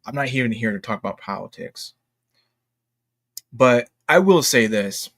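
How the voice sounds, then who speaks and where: Hosting a casual livestream, a man speaks in an expressive, unhurried voice that is medium-pitched, creaky, and a little bright. He uses informal slang, keeps things jokey and self-deprecating, and frequently repeats himself along the way.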